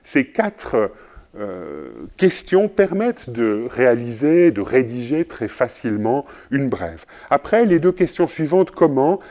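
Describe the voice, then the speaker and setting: A man teaching journalism in a recorded lecture, speaking in a measured way with frequent pauses and fillers. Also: medium pitch, big pitch swings, mellow. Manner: measured, often pausing with fillers. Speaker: journalism trainer.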